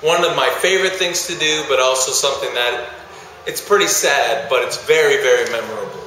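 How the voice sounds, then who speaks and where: A man's voice: medium pitch, brisk, bright, forceful tone, slight background noise. A man, a speaker to student groups, telling a story in a vlog monologue and acting out how his audience reacts. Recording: very echoey room.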